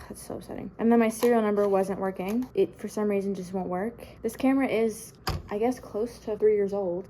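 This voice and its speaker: A woman's voice: medium pitch, a little mellow, a little hiss or hum, low-quality recording. A young woman vlogging, filming herself on her phone as a phone video, rambling and venting that she is upset. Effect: recorded as a phone video. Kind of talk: casual vlog talk to camera. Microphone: phone camera.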